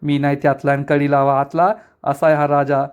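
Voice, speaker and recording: A quarrelsome young mechanic who teases his friend and brags about his lucky vest, as a man reads his lines in a recap. He sounds mocking and a touch high, with an everyday voice. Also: level tone, fairly quick, smooth, lightly acted. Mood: taunting. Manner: taunting, mocking. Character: boastful young male garage mechanic, quarrelsome.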